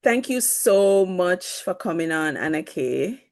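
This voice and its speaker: A woman's voice: on the low side, very animated. A woman hosting a parenting podcast, affirming her guest and wrapping up the interview. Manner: warmly affirming, quick to agree. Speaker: podcast host. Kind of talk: casual interview chat.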